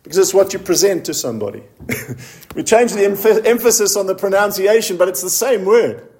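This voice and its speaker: A man preaching a sermon in a notably high voice. He puts questions to his listeners and laughs lightly now and then. When he reads scripture, his voice turns low and slow. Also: lively intonation, darkish tone. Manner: slows down to read scripture in a low, solemn voice.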